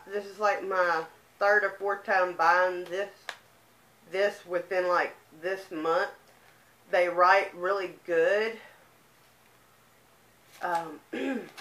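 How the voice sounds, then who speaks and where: A woman's voice: mid-range voice, fairly bright tone. A young woman with a lisp and a speech impediment, chatting casually as she shows off items from a shopping haul. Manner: chatty, easygoing, unhurried show-and-tell. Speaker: vlogger. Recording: echoey room.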